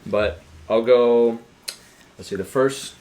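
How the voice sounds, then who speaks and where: A man's voice: mid-range voice, slow, background noise. A young man on a podcast, casually telling long work stories with lots of swearing and restarts. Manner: rambling, profane, with frequent restarts and fillers. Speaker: podcast co-host. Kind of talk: casual storytelling with friends.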